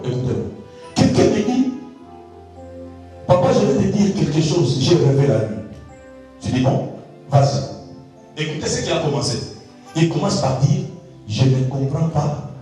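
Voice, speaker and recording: High-voiced preacher in an echoey hall. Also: male voice. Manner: emphatic preaching, swinging from low asides to high shouts; repeats words and phrases for emphasis. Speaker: pastor. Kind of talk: sermon. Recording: very echoey, distant from the mic, faint music.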